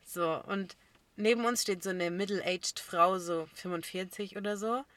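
A woman co-hosting a podcast, telling stories in casual chat and breaking into loud laughter. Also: mid-range voice, a little slow, no room sound. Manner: lively storyteller, bursts into loud laughter. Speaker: podcast co-host.

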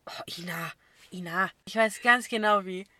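A woman co-hosting a podcast, telling stories in casual chat and breaking into loud laughter. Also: mid-range voice, moderate pace, no echo. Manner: lively storyteller, bursts into loud laughter. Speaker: podcast co-host.

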